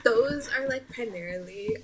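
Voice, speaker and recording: A young woman from Canada, a podcast guest who talks in an animated way, laughs a lot and says "like" often. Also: high voice, unhurried, crowd noise, rough recording. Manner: animated, laughing, heavy use of "like". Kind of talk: casual chat.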